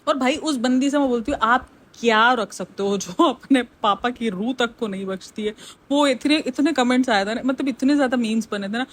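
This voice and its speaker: A woman's voice: a little high, a little fast. A woman from Pakistan giving casual reaction commentary on her channel, blunt and opinionated, speaking straight to her viewers. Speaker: reaction YouTuber.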